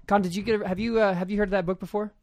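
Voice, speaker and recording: A man's voice: sits high, flat delivery, no room sound. Upbeat man hosting a casual podcast. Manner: upbeat, quick to laugh and tease. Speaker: podcast host. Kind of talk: casual chat.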